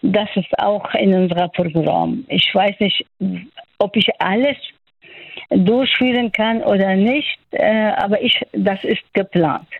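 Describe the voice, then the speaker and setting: An older Afghan woman, a doctor being interviewed on the radio by phone, speaks in a mid-range voice with an Afghan accent. She talks unhurriedly and hesitantly, filling pauses with many fillers as she searches for words. The phone line sounds dry and tinny, with no room sound.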